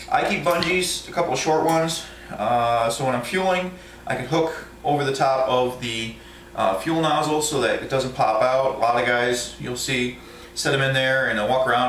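Showing his tools in a casual, um-filled way with plenty of restarts, a truck driver speaks in a medium-pitched, fairly bright voice. The camera overhead, a few feet off in an echoey room at home, makes him sound far away and a bit off mic, with slight background noise.

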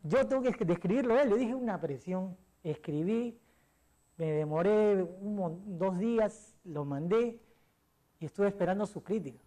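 Peruvian columnist, middle-aged man, rambling anecdotes with fillers, soft warm tone. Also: sits high, moderate pace. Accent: Peruvian Spanish. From Peru. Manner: rambling storyteller, many fillers and restarts. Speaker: guest, sports columnist. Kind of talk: casual interview chat.

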